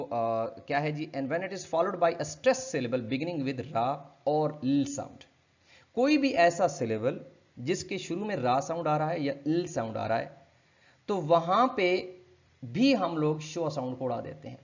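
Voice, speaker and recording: A man gives a linguistics lecture, his voice sitting a little high. He walks through each point step by step and repeats example words slowly. The recording sounds dull and lo-fi. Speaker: linguistics teacher. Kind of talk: explanatory lecture.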